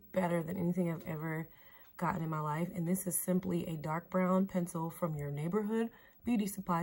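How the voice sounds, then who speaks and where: Chatty, slangy woman with a low voice. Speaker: beauty vlogger host. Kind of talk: casual makeup tutorial chat. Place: indoors by a mirror.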